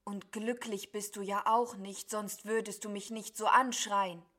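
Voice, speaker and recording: A woman's voice: on the high side, steady tone, a little slow. A woman voicing a gloomy, sulky cloud creature that whines and complains. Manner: whiny, mournful.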